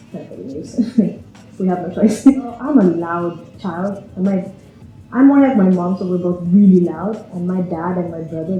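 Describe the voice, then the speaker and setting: In a personal interview, a chatty woman in her twenties from Vienna, Austria, giggles and laughs often. Her voice is fairly low with the highs cut off, and the recording carries a roomy echo and faint music.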